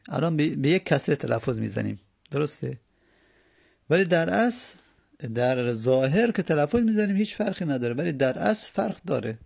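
A man with a gravelly, creaky voice gives a grammar lesson. He explains each point patiently, often posing a question and then answering it himself. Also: fairly high pitch, a little mellow. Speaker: teacher of Arabic grammar.

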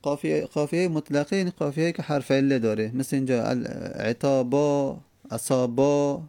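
Male grammar teacher, gravelly voice, dry close sound, patient step-by-step explanation with hesitations. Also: mid-range voice, fairly even intonation, dark tone, no room sound. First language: Persian. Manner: explains step by step, repeating forms, many hesitations. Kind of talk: Arabic grammar lesson.

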